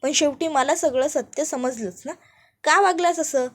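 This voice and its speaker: A woman voicing a furious young man in a serial recap, shouting accusations and demanding answers. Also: fairly high pitch, fairly quick, natural voice.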